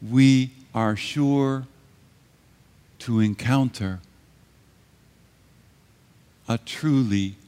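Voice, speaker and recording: Male preacher, unhurried and reflective, delivering a sermon with long pauses in a reverberant church. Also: mid-range voice, dark tone, clear, resonant tone.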